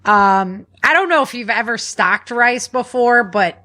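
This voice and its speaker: Offering practical advice as a podcast co-host, this woman keeps things informal and conversational, as if among friends. Her bright, forward voice sits a little high, and she is expressive and unhurried.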